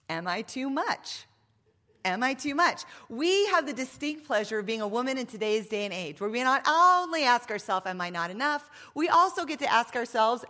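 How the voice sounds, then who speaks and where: Speaking to a live audience at a women's event, a woman in her fifties delivers a faith talk through a microphone in a slightly high, sharp voice. Playful and emphatic, she keeps slipping in asides while a big hall echoes at length.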